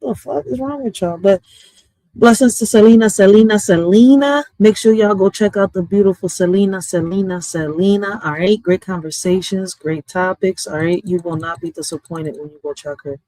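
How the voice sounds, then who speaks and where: A man's voice: sits high, normal speed, warm tone, no echo, rough recording. A man hosting his own livestream, chatting loose and streetwise, often cursing and asking "all right?". His voice is close and dry, with no room sound around it. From Puerto Rico. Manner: street-casual, repeats "all right?" and curses. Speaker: livestream host. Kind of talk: casual livestream chat.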